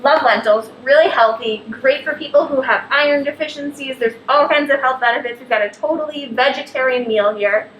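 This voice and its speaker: A woman's voice: high voice, fairly quick, hardly any pauses, a bit bright, muffled recording. A woman hosting a live cooking show, upbeat and talking straight to the viewers at home. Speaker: host. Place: kitchen. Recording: echoey kitchen, faint background noise.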